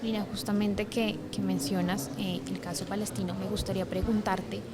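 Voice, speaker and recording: A woman's voice: medium pitch, flat delivery, moderate pace, crowd noise. A woman interviewer introducing a guest and asking formal questions, hesitating often with filler words. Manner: warm, hesitant phrasing with "eh" and "digamos".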